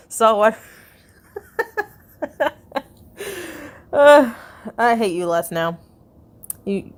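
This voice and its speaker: A woman giving casual, giggly commentary while browsing a video game's hidden files. She reacts out loud and stumbles as she reads. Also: fairly low pitch, smooth. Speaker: video game YouTuber.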